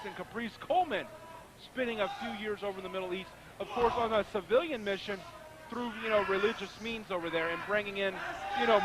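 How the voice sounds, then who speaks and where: A man with a high voice provides live color commentary on wrestling. He sounds conversational and emphatic. He tends to repeat his phrasing as he makes a point. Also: poor audio.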